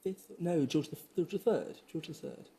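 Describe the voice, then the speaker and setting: A man's voice: on the high side, normal speed, warm tone, slightly rough. A young male quiz contestant who thinks aloud hesitantly and corrects himself while conferring.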